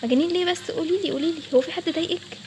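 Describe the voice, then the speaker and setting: Talking very fast in a very high voice amid background noise, a woman with an Egyptian Arabic accent plays the manager's son in a toy role-play. The nosy young man pushes and pleads, persistently badgering a coworker.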